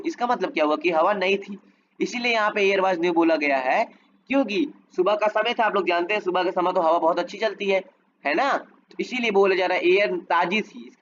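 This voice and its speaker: High-voiced teacher explaining slowly. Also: male voice, a bit bright, highs cut off, a little hiss or hum. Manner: reads English lines slowly, then explains at length. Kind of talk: Hindi explanation of an English lesson.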